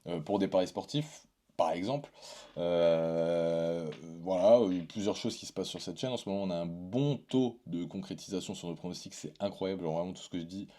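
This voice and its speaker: A man's voice: low-pitched, warm tone. A man hosting a fight-sports channel, talking in a casual, rambling monologue with many fillers and restarts, blunt and informal. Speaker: MMA YouTube channel host. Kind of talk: casual solo commentary.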